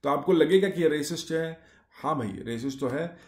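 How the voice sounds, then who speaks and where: Speaking at normal speed with a voice on the high side, a male YouTube explainer chats through a casual monologue. Short clauses, frequent fillers, and rhetorical questions fill his talk, recorded in an echoey room.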